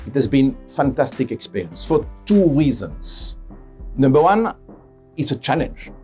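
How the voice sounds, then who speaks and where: A middle-aged man from Belgium, a head of radiation oncology giving a measured interview, often correcting himself and stressing key words. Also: medium pitch, a little mellow. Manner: measured, self-correcting, emphatic. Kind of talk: interview testimonial.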